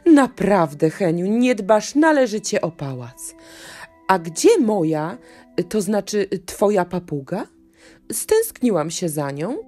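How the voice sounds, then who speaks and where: A woman's voice: mid-range voice, very animated, slow, a little mellow, faint music behind. Woman putting on a bossy old duchess aunt. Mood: scolding. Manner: commanding, scolding.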